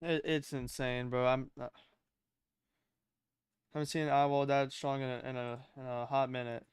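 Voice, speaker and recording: A man's voice: medium pitch, flat delivery, normal speed, clean tone, no echo. A young man co-hosting a livestream, chatting casually in slangy, informal language. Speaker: livestream co-host. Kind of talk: casual chat.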